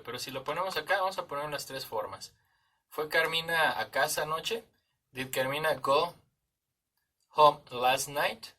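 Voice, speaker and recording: A man's voice: a little high, pushed and bright, far from the mic. A man with a Mexican Spanish accent teaching English grammar in a conversational way, often checking in with his listener. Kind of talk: explaining grammar in a lesson.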